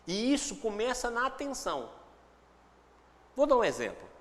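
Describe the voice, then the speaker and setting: A man's voice: very high-pitched, wildly swooping pitch, normal speed, a bit bright, big-room sound. A man giving a reflective spiritual talk with a Brazilian Portuguese accent, acting out inner dialogues in shifting voices. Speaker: spiritual teacher.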